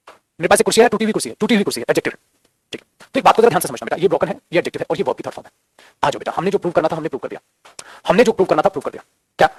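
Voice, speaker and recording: Man, grammar tutor; rapid, husky, drills points by repetition and rhetorical questions. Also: on the high side, dry recording. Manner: addresses students as beta, repeats key phrases, asks and answers his own questions. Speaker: English grammar teacher. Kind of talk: classroom grammar lesson in Hindi.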